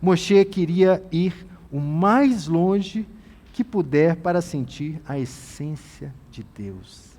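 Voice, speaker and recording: A man teaches from scripture in a sermon style, his voice sitting a little high. He shifts between softly voicing a tender divine speaker and building to emphatic, rising appeals. The sound carries a long reverb from a large hall. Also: animated, slow pace. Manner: reads scripture and paraphrases God's voice in a gentle, intimate tone; rises to emphatic exhortation. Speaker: Bible teacher. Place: inside a tent.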